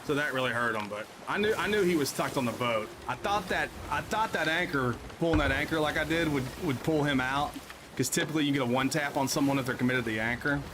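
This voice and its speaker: A man's voice: a little high, quick pace, background noise. Chatty male game streamer, rambling. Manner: rambling, self-correcting, chatty with viewers. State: hiccups. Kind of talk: casual live-stream commentary.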